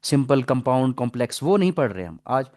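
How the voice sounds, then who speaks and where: A man teaching English grammar in a classroom lecture, explaining patiently, reading English example sentences slowly and asking the class questions. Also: medium pitch, very animated, a little mellow, dry recording. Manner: asks the class questions and repeats answers.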